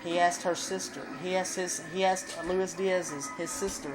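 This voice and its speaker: In a high-pitched, level voice at a moderate pace, a man tells a long, profanity-laced, wandering story while vlogging indoors at home, a little drunk and high. The low-quality recording picks up music playing in the room.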